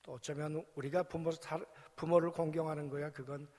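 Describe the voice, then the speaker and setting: A man's voice: fairly high pitch, level tone, brisk, darkish tone. A male pastor preaching a sermon reflectively, asking his congregation rhetorical questions. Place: church sanctuary. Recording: long church hall reverb.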